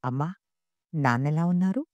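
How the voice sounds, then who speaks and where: A woman's voice: deep voice, normal speed, darkish tone, no echo, dull audio, lightly acted. A woman voicing a young adopted son who pleads and stays loyal in a storybook reading. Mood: hurt.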